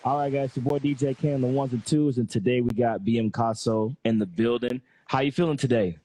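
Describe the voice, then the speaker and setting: A man's voice: medium pitch, steady tone, brisk, warm tone, slight background noise. A man from Texas hosting a casual podcast interview, laid-back and friendly with lots of filler phrases. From Texas, United States. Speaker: podcast host.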